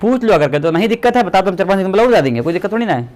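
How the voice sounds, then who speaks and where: A man's voice: sits high, animated, very fast, a little mellow. A male teacher giving a classroom grammar lesson, explaining step by step and quizzing the class.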